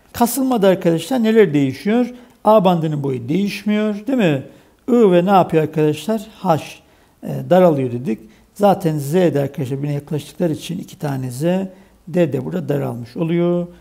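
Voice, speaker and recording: A man's voice: fairly high pitch, gravelly, warm tone. A man explaining an exam solution in a biology lesson step by step, asking questions and answering them himself, repeating key terms. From Turkey. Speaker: biology teacher.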